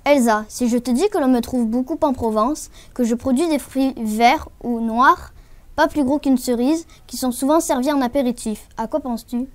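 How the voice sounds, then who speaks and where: A woman with a high voice hosts a school news programme. She delivers prepared links in a presenter's style. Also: moderate pace, darkish tone.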